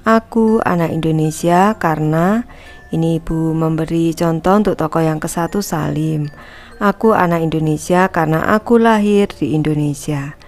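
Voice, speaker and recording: This woman has a low, somewhat mellow voice and a moderate pace, with faint music in the background. As a teacher, she reads a textbook lesson aloud and patiently breaks down each part for the schoolchildren. She speaks to them directly, naming herself Ibu and them anak-anak.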